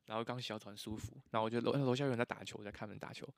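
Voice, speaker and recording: A man telling his own stories as a podcast guest, animated and laughing often, acting out what others said. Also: fairly low pitch, very fast, gravelly, dry recording. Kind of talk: casual storytelling chat.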